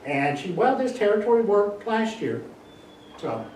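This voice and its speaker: A man's voice: high voice, unhurried. Chatty older man, echoey room. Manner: chatty, animated, acts out bird voices. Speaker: guest speaker on birds. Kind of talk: casual public talk. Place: library meeting room. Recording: echoey room, distant mic, faint hiss.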